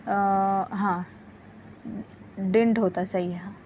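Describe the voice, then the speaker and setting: A young woman teaching spoken English, explaining slowly and patiently and drilling example words again and again. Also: mid-range voice, fairly even intonation. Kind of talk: bilingual grammar lesson. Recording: dull lo-fi audio with faint hiss.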